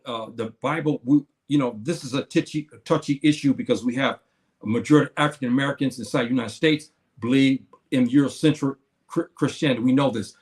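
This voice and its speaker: Halting seventy-year-old man talking to viewers. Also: medium pitch. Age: 70s. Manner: halting, with many fillers and repeated words; repeats key phrases to his listeners. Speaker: livestream speaker. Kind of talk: casual livestream talk to viewers.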